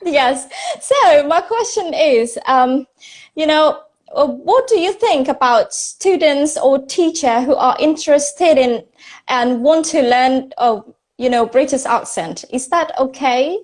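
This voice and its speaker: A woman's voice: high-pitched, animated, slow. A woman with an Indonesian accent hosting an English-learning live stream, speaking English hesitantly with many fillers. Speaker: host, English teacher. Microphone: phone on a live video stream.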